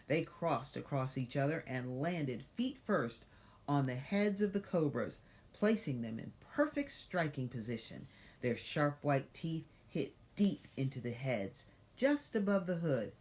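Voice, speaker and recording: A woman's voice: sits low, lively intonation, slow, darkish tone. A woman reading a children's story aloud as if to a toddler, dramatic, with questioning asides to the young listener.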